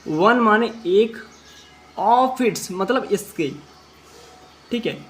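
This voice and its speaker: A man teaching an English class, reading English sentences slowly word by word and then explaining each word step by step. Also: high voice, lively intonation, a bit bright. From India. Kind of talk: classroom translation lesson.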